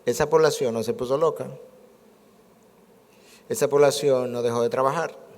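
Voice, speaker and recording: Male pastor, 60s, sermon delivery, rhetorical and emphatic, mid pitch, reverberant church hall. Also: fairly even intonation, moderate pace, darkish tone. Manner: rhetorical questions and repeated phrases, building emphasis. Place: church sanctuary.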